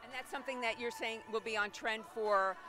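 A woman's voice: a little high, steady tone, a little fast, music in the background. A middle-aged American woman interviewing someone conversationally on a handheld microphone in a large hall. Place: large exhibition hall backstage.

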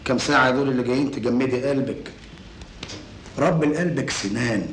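A man's voice: medium pitch, brisk, lightly acted. An actor playing a scheming, boastful con man, speaking with an Egyptian accent in an old film. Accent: Egyptian Arabic. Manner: boastful, cocky, teasing. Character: scheming smooth-talking male con man. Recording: echoey film soundtrack with hiss.

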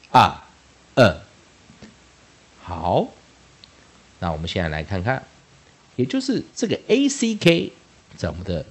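A man with a Taiwanese Mandarin accent teaching English phonics, spelling out letters and repeating each word twice in a drilled lesson. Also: husky. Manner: lively, sing-song pitch.

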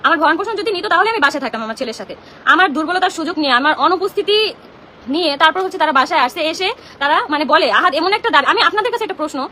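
A young woman speaking very fast in a high, piercing voice, her words tumbling out in an agitated, confrontational rant. Her tone is bright and tense throughout. It sounds like a live stream on a phone, with faint room ambience behind her. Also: a little hiss or hum. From Bangladesh. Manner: agitated, indignant, rapid-fire and confrontational. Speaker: social media content creator. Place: home.

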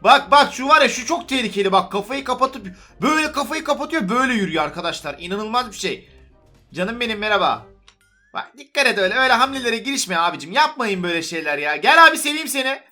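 Gaming YouTuber, male, very high and bright voice, excitable and teasing, music underneath. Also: quick pace. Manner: excitable, teasing, chatters to other players. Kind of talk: gameplay commentary.

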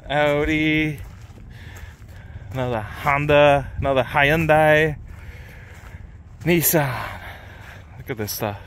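A man in his thirties vlogging casually while walking through an outdoor car lot, excited and chatty, filmed on a handheld camera at arm's length. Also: on the high side, slow, long pauses, slight background noise. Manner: excited, chatty, laughs often. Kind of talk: casual vlog walkthrough. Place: outdoor impound parking lot.

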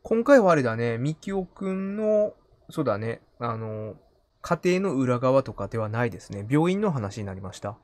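Animated male game streamer. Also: mid-range voice, normal speed. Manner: playful muttering to himself, repeating short phrases. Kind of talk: live gaming commentary, casual.

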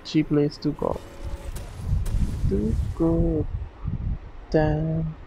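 A casual gameplay commentator who talks in a flat, gravelly voice. The chat is loose and chatty, with Hindi phrases mixed in, over a noisy recording. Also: medium pitch, very slow, lo-fi sound.

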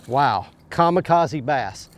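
A fishing show host talking excitedly out on a lake while he reels in and releases bass. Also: takes it slowly. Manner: excitable, exclaiming while fighting fish. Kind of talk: excited on-the-water commentary. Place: bass boat on a lake, outdoors.

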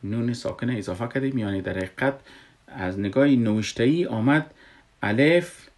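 A man's voice: mid-range voice, darkish tone. A man teaching recitation rules patiently, repeating himself and asking rhetorical questions. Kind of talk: explaining a lesson.

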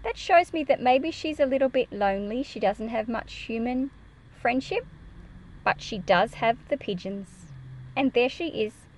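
Her voice is a little high and her pace measured as she reads a picture book to children, explaining it expressively and asking them questions. She's a presenter teaching young listeners through reading aloud. Slight background noise can be heard.

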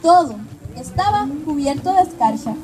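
A woman's voice: high-pitched, lively intonation, normal speed, a little mellow, slight background noise, low-quality recording. A woman narrating an amateur stage play in a theatrical storytelling style, over a stage PA outdoors. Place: outdoor tented stage at night.

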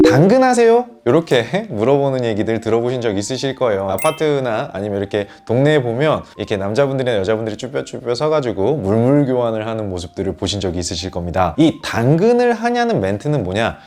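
A man's voice: mid-range voice, quick pace, few pauses. A young man hosting a smartphone tutorial for parents, explaining each step in a friendly way and addressing viewers as mothers and fathers. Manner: addresses viewers as mothers and fathers, lively rising and falling delivery.

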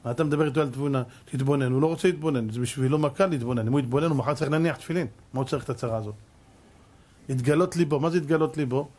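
A man, a rabbi, preaching a sermon with fervor and firing off rhetorical questions, swinging between hushed and loud delivery. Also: medium pitch. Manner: addresses the audience as "gentlemen".

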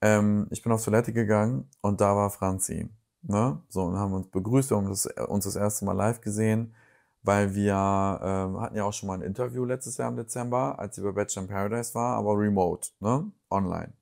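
A man's voice: on the low side, steady tone, fairly quick, creaky, darkish tone. A young German man casually recapping reality-TV gossip and animatedly retelling a personal story with quoted dialogue. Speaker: YouTuber recapping reality TV news.

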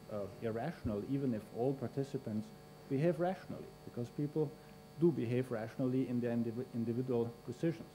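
Middle-aged man from Austria, conference host at a podium, hesitant with many fillers, mellow voice. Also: medium pitch, slight background noise, poor audio. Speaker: conference host introducing a speaker. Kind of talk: formal introduction. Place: university lecture hall. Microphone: podium mic.

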